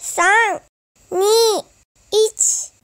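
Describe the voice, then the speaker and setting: A woman voicing a cheerful little countdown voice, counting slowly in a squeaky, sing-song way. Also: fairly even intonation, a bit bright, heavily acted.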